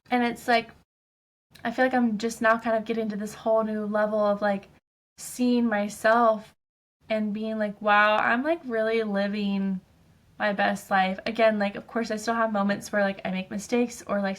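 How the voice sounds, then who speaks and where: A woman's voice: mid-range voice, flat delivery, normal speed. A woman hosting her own show, talking casually and emphatically in a personal monologue, filling her speech with "like" and "um". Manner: chatty, fills speech with "like" and "um"; emphatic, ranting. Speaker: podcast host.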